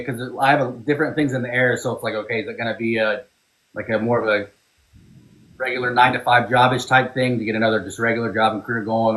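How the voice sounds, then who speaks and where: A man's voice: medium pitch, a bit bright, low-quality recording. Laid-back man, candid casual talk. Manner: laid-back, candid, leans on "you know what I mean". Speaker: podcast co-host. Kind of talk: casual chat.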